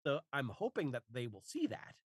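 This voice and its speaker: Halting, dry-voiced man in his forties. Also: mid-range voice, wildly swooping pitch, husky, no echo. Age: 40s. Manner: hesitant, restarts phrases with many fillers. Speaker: guest author and narrator. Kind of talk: casual podcast conversation.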